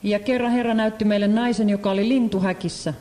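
Sermon interpreter, mellow tone, halting delivery, echoing hall. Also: medium pitch, fairly even intonation. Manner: hesitant, many fillers and restarts. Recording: echoey hall.

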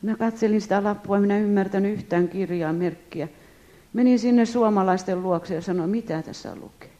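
A woman giving a spoken testimony to an audience, telling her story in a lively way and often addressing her listeners directly. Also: mid-range voice, muffled recording.

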